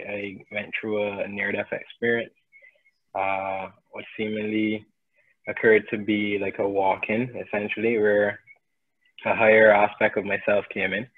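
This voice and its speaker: A man from Barbados introducing himself as an energy healer on a video call, hesitant with many fillers and restarts. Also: lowish voice. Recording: tinny phone-like line.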